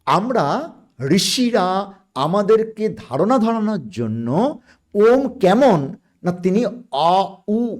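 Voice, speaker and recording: A man speaking as a guest on a podcast, explaining spiritual ideas in a measured way and pausing to search for words. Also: sits high, darkish tone.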